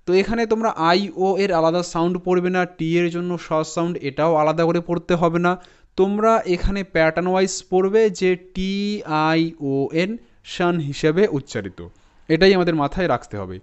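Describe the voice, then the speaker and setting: A man teaching English pronunciation, spelling words out letter by letter and repeating them slowly for his students. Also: high-pitched, clean tone. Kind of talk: spoken lesson to students. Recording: slightly dull lo-fi sound.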